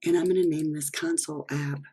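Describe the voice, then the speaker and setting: A programming instructor, hoarse and losing their voice, explaining step by step while working through a screen-recorded coding lesson. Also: medium pitch, steady tone, brisk, noisy background.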